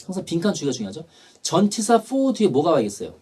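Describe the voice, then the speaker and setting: A man's voice: on the high side, wildly swooping pitch, quick pace, dark tone, husky. A man teaching an English test prep lecture, explaining grammar and repeating key terms.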